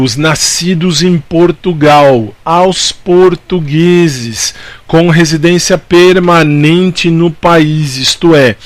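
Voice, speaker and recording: A Brazilian law teacher with a voice on the high side gives an informal lecture to prepare students for exams, recorded with no room sound. He is didactic, repeating key points and answering his own questions.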